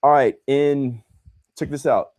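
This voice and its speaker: With a medium-pitched voice and a slow pace, a young man hosts an easygoing livestream. He's energetic and slangy, repeatedly addressing people as "bro" and "man."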